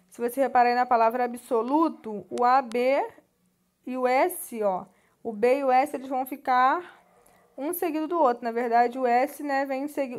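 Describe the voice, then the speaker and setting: A woman teacher with a Brazilian Portuguese accent explains a textbook lesson patiently, often adding little tag questions as she goes. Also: sits high. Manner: patient, explanatory, with frequent "né" tags and restarts. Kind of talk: classroom lesson walking through a textbook.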